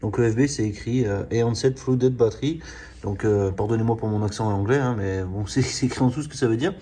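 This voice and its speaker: A man's voice: fairly low pitch, quick pace, mellow, slightly rough. A man hosting a car channel, giving a hands-on product demonstration in an explanatory way, often hesitating with fillers and restarting words. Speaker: car channel host reviewing a diagnostic tool.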